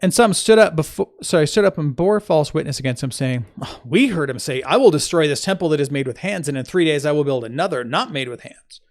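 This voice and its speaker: Gravelly man reading scripture aloud. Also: on the high side, animated, fairly quick, few pauses. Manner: stops to correct his slips and add informal asides. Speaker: Bible reader.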